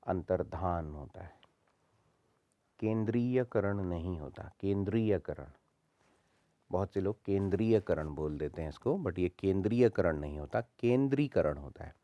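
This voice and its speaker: A man's voice: sits low, no echo. A man teaching a spelling lesson, repeating each word in its wrong form and then its right one. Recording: dull, slightly muffled dry sound.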